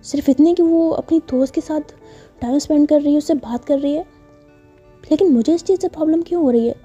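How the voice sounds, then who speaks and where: A woman's voice: sits high, a little fast, mellow, muffled recording, faint music behind, pitched above the performer's own voice, close to an everyday voice. A woman voicing a jealous, hot-tempered young woman who scolds sharply and sulks. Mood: fretful.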